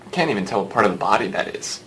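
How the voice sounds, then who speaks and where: A man giving a recorded lecture as a teacher, explaining with dry, sarcastic asides and lively emphasis. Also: lowish voice, rapid-fire, a little hiss or hum, rough recording. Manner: lively, shifting pace and emphasis.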